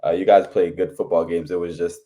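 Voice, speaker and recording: Deep, very mellow male co-host. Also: flat delivery, fairly quick. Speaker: podcast co-host. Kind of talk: casual sports analysis.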